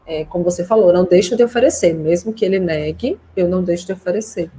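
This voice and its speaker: A woman's voice: fairly low pitch, fast talker, dark tone, a little hiss or hum. A woman host and speech therapist giving a casual, reassuring consultation over a video call, talking freely with lots of fillers. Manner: chatty, reassuring, many fillers like "né".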